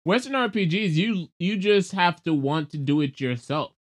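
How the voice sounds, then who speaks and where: Higher-voiced man in natural podcast chat. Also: lively intonation, moderate pace. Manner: informal, loose phrasing. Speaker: podcast co-host. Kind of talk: natural unscripted casual talk.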